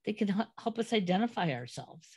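A woman's voice: medium pitch, lively intonation, a little fast, darkish tone, slightly rough. A middle-aged woman hosting a podcast interview, reminiscing and telling family anecdotes. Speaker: podcast host.

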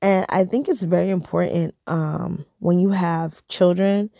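A woman's voice: fairly low pitch, fairly even intonation, unhurried, vocal fry, mellow, dry recording, clean studio sound. A woman in her thirties chatting casually to camera, rambling and repeating herself, tired and yawning. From United States. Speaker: vlogger.

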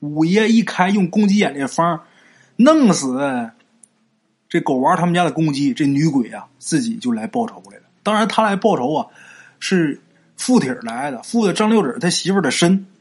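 A man tells a ghost story, his voice slightly husky and sitting a little high for a man. He talks in a chatty, conversational way, drawing out particles and answering his own rhetorical questions. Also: animated. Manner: frequent drawn-out particles like 啊 and 呀. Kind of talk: serialized ghost story narration.

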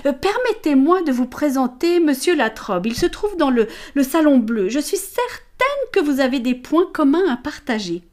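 Woman doing a high, gushy coquettish lady, all flattery and sighs, storybook style. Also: moderate pace, few pauses. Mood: gushing flirtatious. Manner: gushing, coquettish and theatrical. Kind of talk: audiobook character voice.

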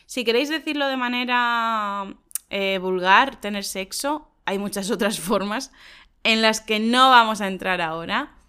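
A woman from Spain, co-hosting a lesson and explaining slang to learners in a lively, emphatic way. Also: fairly high pitch, measured pace, clear, resonant tone. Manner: lively, emphatic, laughs often. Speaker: Spanish teacher and co-host.

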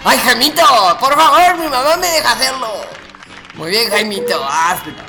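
A man's voice: very high voice, animated, moderate pace, over music. A man playing a flirty woman comedian telling bawdy jokes in a put-on Spanish lilt. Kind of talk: comedy sketch.

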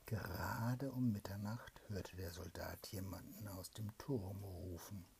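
A woman reading a fairy tale aloud to her child in a raspy, hushed whisper. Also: a bass voice. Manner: hushed, slow, soothing reading. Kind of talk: whispered bedtime story reading.

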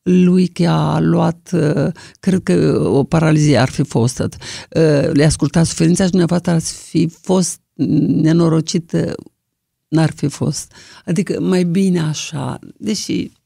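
An older woman from Romania, a singer with a deep, low voice, telling stories in an interview in a lively, expressive way. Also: vocal fry, dry recording, clean studio sound. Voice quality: low, deep singing-trained voice. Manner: lively, expressive anecdotal storytelling. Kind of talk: storytelling in an interview.

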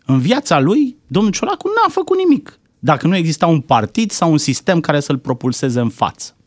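A man's voice: on the high side, sing-song, no echo. A man giving heated, indignant political commentary on a talk show, firing off rhetorical questions.

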